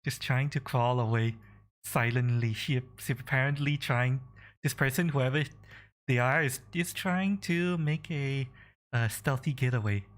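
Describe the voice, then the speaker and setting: A man running a tabletop game, improvising the narration and thinking aloud in a halting way. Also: medium pitch. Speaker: game master.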